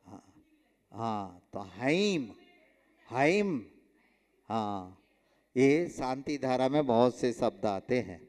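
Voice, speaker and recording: A monk teaches his class at a very slow, deliberate pace, stressing each example and asking his students questions. His voice is smooth and resonant and sits a little high for a man. A long reverb from the hall trails after every phrase. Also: dark tone. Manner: slow, emphatic, drills pronunciation with repeated examples and questions to students. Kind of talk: explanatory religious lesson.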